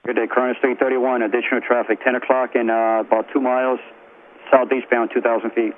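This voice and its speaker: A man's voice: medium pitch, level tone, brisk. A man working as an air traffic controller, giving formulaic instructions over aviation radio. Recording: tinny, noisy aviation radio heard in headset.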